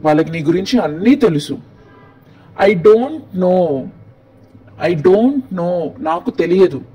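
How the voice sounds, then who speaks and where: A man with a Telugu accent gives an English lesson in a high, light voice. He says each model phrase slowly and with care, then explains it briskly in Telugu. His overall delivery is unhurried and patient. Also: animated, dark tone, breathy edge, poor audio. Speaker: English teacher. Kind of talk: language lesson, slow model phrases with translations.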